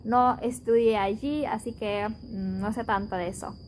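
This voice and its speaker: A woman's voice: on the high side, fairly even intonation, darkish tone, a little hiss or hum, rough recording. Young Indonesian woman speaking careful Spanish. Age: 20s. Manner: careful, thoughtful learner's speech with pauses. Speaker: interviewee, Spanish teacher. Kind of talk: casual interview answers.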